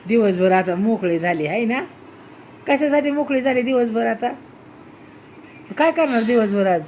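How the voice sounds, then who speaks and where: A woman speaks slowly, half teasing and half scolding as she questions a small child. She keeps asking the same things until she gets an answer. A faint noise sits under her voice. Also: fairly high pitch, lively intonation, a little mellow. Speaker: family vlogger. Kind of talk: casual family vlog.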